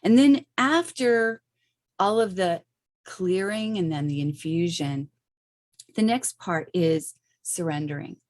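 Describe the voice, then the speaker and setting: A middle-aged woman with a low, grounded voice talks through a spiritual practice like a teacher. Her delivery is loose and conversational, peppered with little check-ins to the listener. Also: slow pace, a little mellow. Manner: loose and chatty, with frequent okays and rights. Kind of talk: casual explanation of a meditation practice.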